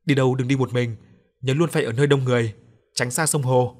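A man reading the part of a teenage boy's ghost who speaks calmly and gives warnings. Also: medium pitch, fast talker, lightly acted. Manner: calm, warning. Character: ghost of a teenage boy, calm and cryptic.

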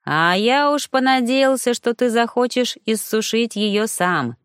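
A woman's voice: a little high, expressive, unhurried, clear, resonant tone, no echo, clean studio sound, pitched above the performer's own voice. A woman reading the part of a scheming male sorcerer villain, drawling and coldly mocking.

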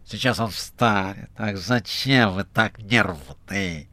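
Sly, coaxing male demon in an audiobook, read by a man, very low with a sharp, bright edge. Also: takes it slowly, dry recording. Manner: soothing, gently mocking. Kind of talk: audiobook character voice.

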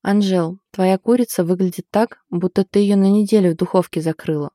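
A woman voicing a gently teasing young woman. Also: mid-range voice, fairly even intonation, a little fast, dry recording, clean studio sound, lightly acted. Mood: amused. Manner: teasing, gentle, soft-spoken. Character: teasing young woman, sympathetic friend in love. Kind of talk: audiobook character voice.

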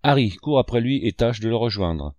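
A man's voice: mid-range voice, animated, moderate pace, a little mellow, no room sound, dull audio, close to an everyday voice. A man reading an audiobook, voicing a scheming one-legged innkeeper who blusters with theatrical indignation. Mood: blustering.

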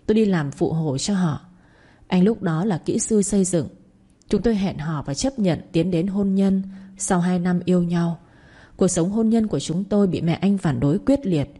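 Soft-spoken woman narrating a story. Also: lowish voice, slightly rough. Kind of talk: first-person story narration.

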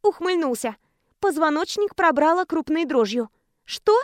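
High-voiced woman reading a novel. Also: moderate pace, no room sound, studio quality. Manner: expressive reading, voicing each character. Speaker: audiobook narrator. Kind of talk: first-person novel narration.

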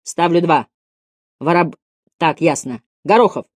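A woman's voice: on the low side, unhurried, no echo. A woman voicing a stern, furious male geography teacher in an audiobook.

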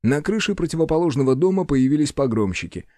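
A man narrating an action story in a measured, dramatic reading. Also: fairly high pitch, lively intonation, warm tone, no room sound, clean studio sound. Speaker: audiobook narrator. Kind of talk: scripted narration.

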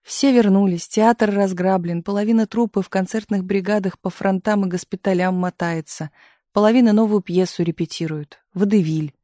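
A reader voicing tearful, excitable young actress. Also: medium pitch, normal speed, dry recording, clean studio sound, close to an everyday voice. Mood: rueful.

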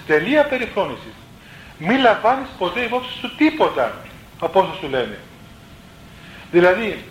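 High-voiced priest giving a sermon. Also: male voice, fairly bright tone. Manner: plain teaching tone, peppered with "let's say" asides and self-corrections. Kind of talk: spoken sermon on spiritual life. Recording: roomy echo, faint background noise.

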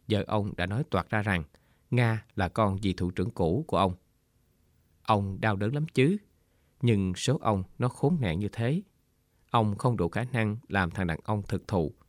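A man narrating a short story in a measured, solemn storytelling voice. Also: on the low side, no echo. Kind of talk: scripted audiobook narration. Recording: dry studio with faint guitar music.

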